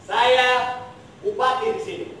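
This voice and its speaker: A young male student actor playing a pompous, bossy regent in a comic stage play, with theatrical, deliberate delivery. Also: very high-pitched, steady tone, fairly bright tone. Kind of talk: comic amateur stage acting. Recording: noisy, echoing stage, distant microphone.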